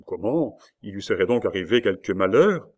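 A man's voice: fairly low pitch, big pitch swings, normal speed. A man reading aloud plays a frail, fussy older official, speaking in a pompous, exclaiming way. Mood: curious.

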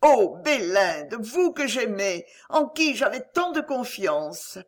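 A proud, volatile aristocratic lady in anguish, as a woman reader puts her on, pitched above the reader's own voice, with a swooping, lively melody. She speaks with passionate, declamatory force, as in a storybook reading. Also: slow pace, exaggerated voice.

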